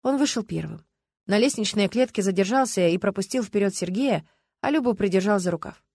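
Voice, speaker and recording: A woman narrating an audiobook in an even, measured reading voice. Her pitch sits in the middle range. The recording is dry and close, with no room sound. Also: dry recording. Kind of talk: scripted narration.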